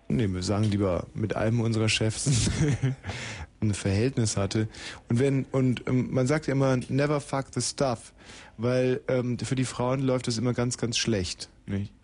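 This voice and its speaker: A male radio host chats live on air. He jokes, laughs often and narrates what is happening in the studio like a sportscaster. His voice sits at a middle pitch. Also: a little mellow. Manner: joking, frequent laughter, mock play-by-play.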